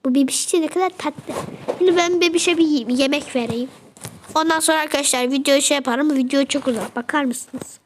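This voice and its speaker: Young woman, high voice, casual game narration, fretful and chatty. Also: a little fast, slight background noise. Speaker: game video creator.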